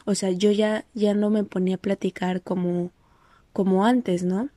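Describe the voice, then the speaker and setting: Mexican woman just chatting about her life, mellow voice, lots of fillers and restarts. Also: medium pitch, level tone, unhurried, no room sound. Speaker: podcast host. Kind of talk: casual personal monologue.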